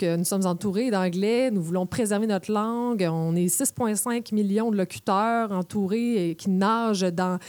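A woman with a Québécois accent talks on the radio in a playful, chatty way, explaining with examples. Her voice is warm and mellow. The recording is dry and close. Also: mid-range voice, dry recording. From Quebec. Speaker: radio columnist.

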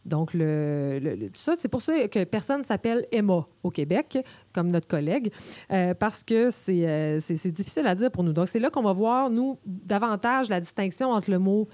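Playful Québécoise woman with a mellow voice. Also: medium pitch, expressive, moderate pace, no echo. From Quebec. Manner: playful, explains using spoken examples. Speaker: radio columnist. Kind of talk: explanatory radio chat.

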